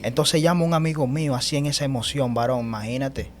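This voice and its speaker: A man's voice: medium pitch, fast talker. A man recounts his spiritual experience as an interview guest, speaking with emphatic conviction. He keeps turning to the host with a familiar "brother". A faint hum sits under his voice. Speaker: guest telling his testimony. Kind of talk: animated personal testimony.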